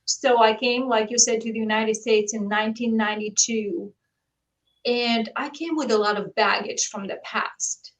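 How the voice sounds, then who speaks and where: A woman's voice: on the high side, moderate pace, distant mic, rough recording. A woman in her fifties from Bulgaria, telling her personal story earnestly as a talk-show guest over a video call. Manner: earnest, steady and heartfelt. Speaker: guest author.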